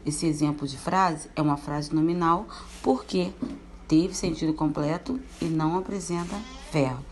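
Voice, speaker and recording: A woman teacher giving a recorded grammar lesson, explaining step by step, asking rhetorical questions and reading examples with lively expression. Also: low-pitched, moderate pace, a little hiss or hum.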